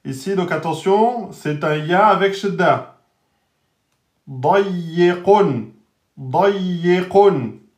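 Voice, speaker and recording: A man teaching Arabic letters in a live online lesson, spelling out each letter and vowel and repeating every word slowly. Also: sits high, reverberant. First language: French speaker teaching Arabic.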